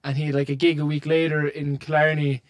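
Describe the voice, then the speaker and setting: A man's voice: on the high side, little pitch movement, fast. Chatty young man with a Cork accent. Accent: Cork Irish. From Ireland. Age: young adult. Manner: chatty, laughs often, trails off with fillers. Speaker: singer being interviewed. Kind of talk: casual interview chat. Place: recording studio lounge, indoors. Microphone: handheld microphone.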